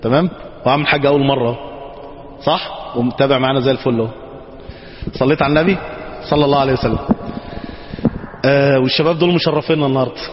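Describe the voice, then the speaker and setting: An Egyptian man with a high voice leads a grammar lesson, coaxing his students along and checking again and again that they follow. He is recorded in a reverberant hall. The sound is dull, with faint background noise. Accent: Egyptian Arabic. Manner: checks often with the class, coaxing. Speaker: Arabic grammar teacher. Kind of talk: classroom lesson. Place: mosque teaching hall.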